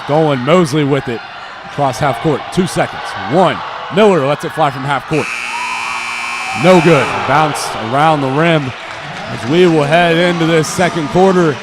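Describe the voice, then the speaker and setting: Amid crowd noise and bouncing basketballs, a young American play-by-play commentator speaks in a fairly high voice at a measured pace. He follows the game live in short, clipped phrases over the loud gymnasium.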